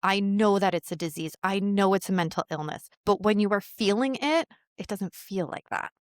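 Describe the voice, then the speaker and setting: Woman guest, mid-pitched voice, candid, blunt, laughing often, dry close sound. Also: normal speed, dry recording. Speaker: podcast guest, author. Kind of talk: casual interview chat.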